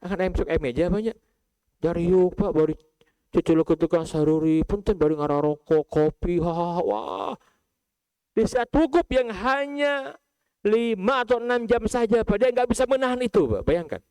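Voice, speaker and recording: A man with a Sundanese accent preaching to pilgrims, asking his listeners questions and swinging from calm recitation to high animated outbursts. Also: normal speed, clear, resonant tone, dry recording. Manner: addresses listeners as Pak and Bu, asks rhetorical questions. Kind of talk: sermon to pilgrims.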